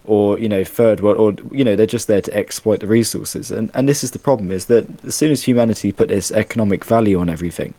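Ranting man, lowish voice. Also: fast, hardly any pauses, no room sound. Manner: animated, ranting, exasperated. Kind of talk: casual chat.

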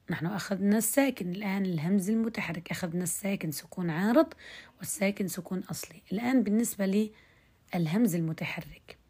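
A woman teaching recitation rules in an online lesson, explaining step by step, checking that students follow, and reciting example words slowly to show them. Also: fairly low pitch, a little mellow, breathy edge. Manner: explains step by step, checks understanding with quick questions.

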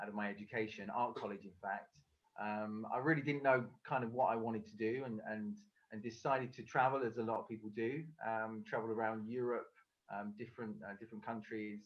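A speaker coach from England appears as a guest on a podcast over a video call, chatting casually in a conversational interview with many fillers and restarts. His voice is fairly low-pitched, and the recording sounds muffled.

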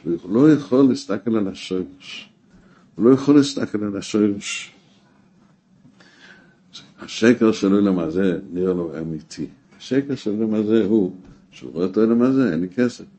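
A man teaching a weekly Torah class, emphatic, rising to exclamations and dropping low again. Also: long pauses, mellow. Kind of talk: spoken Torah lesson.

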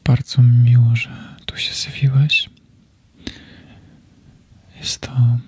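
Man in his thirties, slow ASMR whisper. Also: medium pitch, a little mellow, breathy edge, no echo. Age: 30s. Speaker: ASMR creator. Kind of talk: whispered ASMR comfort talk.

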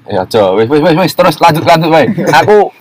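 A man's voice: fairly high pitch, lively intonation, fairly quick, a little mellow, rough recording. A man co-hosting a casual chat, joking and teasing the others.

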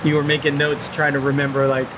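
A man's voice: a little high, monotone, fast talker, background noise. Laid-back man hosting a podcast. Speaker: podcast host. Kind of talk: casual interview chat. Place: bar with background noise.

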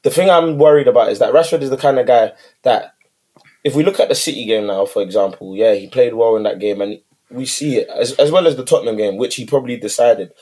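Young man, London urban accent, slightly raspy, mid-pitched, slangy casual sports debate. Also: fast talker, a little mellow. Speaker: football podcast co-host.

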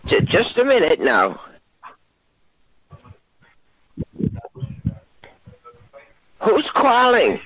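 A man playing a confused, hard-of-hearing old lady in a prank phone call, asking things in a halting, repetitive way. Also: high-pitched, wildly swooping pitch, breathy edge, no room sound, exaggerated voice. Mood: muddled, insistent. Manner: repetitive, halting, muddled questioning. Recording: tinny, narrow phone line.

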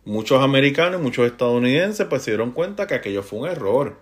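A man's voice: mid-range voice, lively intonation. Puerto Rican man, chatty teacher. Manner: frequent tag questions, halting restarts. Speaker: high school Spanish teacher. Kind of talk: casual conversational monologue.

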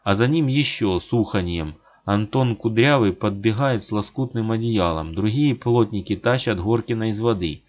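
A man narrating a literary audiobook in a measured, plain manner, in a dull lo-fi recording. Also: lowish voice.

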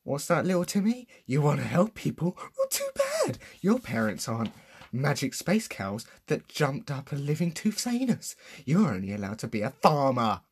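A man voicing a shrill, mocking adult who lectures a child in a strained high voice. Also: wildly swooping pitch, normal speed, husky, heavily acted. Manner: squeaky, taunting, strained high voice.

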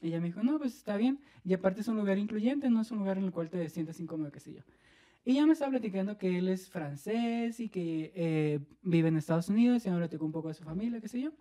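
A man with a Mexican accent telling an animated story on a podcast, laughing and acting out what people said. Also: high-pitched, fast talker. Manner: animated, laughing, acts out quoted voices. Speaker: podcast co-host. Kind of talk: casual storytelling chat.

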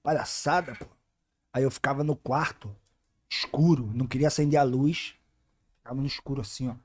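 A man's voice: mid-range voice, fairly quick. A man, a podcast guest telling stories in casual slangy chat, acting out the people in them. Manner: animated, slangy, acts out voices in his stories. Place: podcast studio.

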